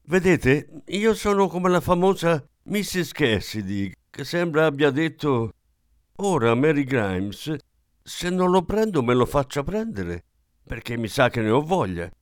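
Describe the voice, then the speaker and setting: A man's voice: a little high, big pitch swings, a little slow, clean tone, no room sound, studio quality, voice pushed up. A man putting on a tipsy, raucous mock voice. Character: tipsy jovial man doing a vulgar imitation.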